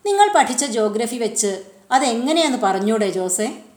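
A woman voicing a kindly male schoolteacher who explains gently. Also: on the high side, lively intonation, moderate pace, natural voice. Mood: instructive. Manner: gently instructive. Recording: roomy echo.

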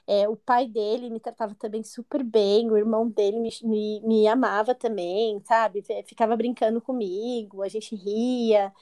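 Mellow-voiced young woman in her twenties. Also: fairly high pitch, little pitch movement, normal speed, few pauses. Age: 20s. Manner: candid, acts out quoted voices. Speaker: interview guest. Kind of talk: personal storytelling.

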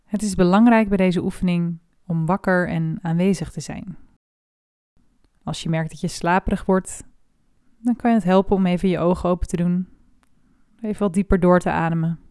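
Woman, meditation guide, slow soft delivery, smooth voice, dry close sound. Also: fairly low pitch, dry recording. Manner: slow, soft and calm with long pauses. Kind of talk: guided body scan meditation.

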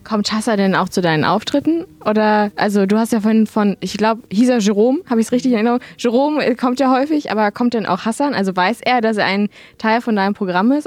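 A woman's voice: fairly high pitch, dry recording. A woman hosting a casual interview, asking curious, teasing questions and laughing into them. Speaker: host interviewer.

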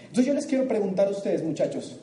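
Motivational speaker, high dark voice, echoey room, lively and playful with the crowd. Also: male voice, fast talker, recorded from a distance. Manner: asks the audience questions, acts out their answers, laughs often. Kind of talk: live talk to an audience. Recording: echoey room with faint ambience.

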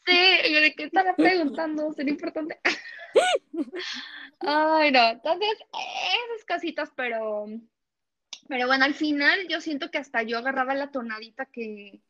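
Mexican girl in her 20s chatting, high voice, lively stories, kinda muffled dry audio. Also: measured pace, long pauses, no echo. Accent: Mexican Spanish. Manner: animated storytelling, acts out dialogue, laughs often. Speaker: guest. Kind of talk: casual interview chat.

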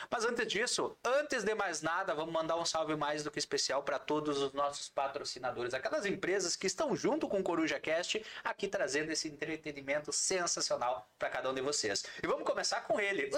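A male podcast host presents live. His voice is bright and forceful, on the high side, with big swings in intonation. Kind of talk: live show presenting, announcing.

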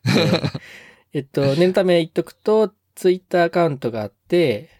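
A podcast co-host on a casual show comes across as polite and slightly hesitant, pausing on fillers. His mellow, dark voice moves lively in pitch, and the recording is dry and close.

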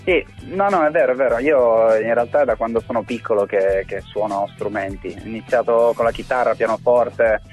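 A man's voice: mid-range voice, moderate pace, few pauses, a little mellow, faint music behind. A man in his twenties, a guest rapper, talking casually on a phone call that is heard over speakerphone, with easygoing, agreeable replies. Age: 20s. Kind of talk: casual chat. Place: remote spot with weak signal.

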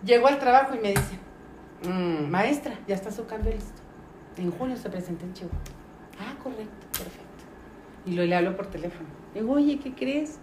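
A middle-aged podcast guest with a Mexican accent speaks fairly quickly in a medium-pitched voice. Casual and lively, she narrates a story while playing the voices of its characters, captured in a roomy recording with faint noise.

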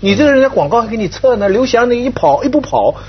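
A fast-talking man argues his side in a casual panel debate, with lively pitch movement. He counts off points and asks rhetorical questions. The audio is slightly dull and faintly noisy. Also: husky. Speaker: talk show panelist.

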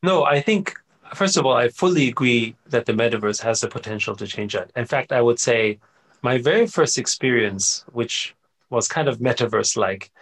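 Gravelly-voiced man, animated interview guest. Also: medium pitch, normal speed. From Austria. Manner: animated storyteller, frequent "right?" and "you know" tags. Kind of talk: casual conversational interview.

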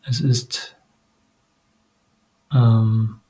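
A man giving a meditative spiritual monologue, addressing the listener directly in short, halting phrases with frequent hesitations. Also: medium pitch, fairly even intonation, warm tone, poor audio.

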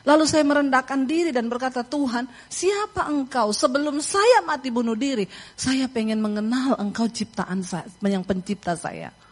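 Animated middle-aged woman preaching. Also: sits high, moderate pace. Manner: animated, laughing storyteller, acts out voices. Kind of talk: sermon with storytelling.

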